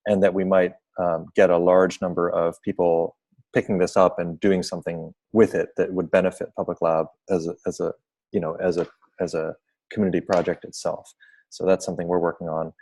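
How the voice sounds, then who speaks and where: A man's voice: sits low, little pitch movement, fairly quick, gravelly, a little mellow. A man hosting an online seminar over a video call, explaining projects informally and apologizing for glitches. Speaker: seminar host.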